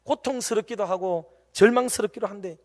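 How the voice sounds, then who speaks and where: A man preaching a storytelling sermon, emphatic and swinging between loud urging and quiet narration. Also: high voice, fairly quick. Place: church sanctuary. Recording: long reverb of a church hall.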